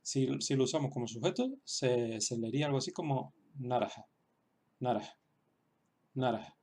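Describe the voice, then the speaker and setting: A man teaching a lesson over on-screen writing, speaking hesitantly with many fillers and repeated words, and sounding out example words slowly and carefully. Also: mid-range voice, a little mellow. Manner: slow, careful example pronunciations.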